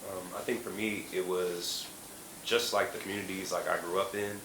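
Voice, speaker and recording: Deep-voiced man musing on a career panel. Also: steady tone, moderate pace. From San Diego. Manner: thoughtful, with many "um" and "like" fillers. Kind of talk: panel answer, reflective storytelling. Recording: roomy echo, faint hiss.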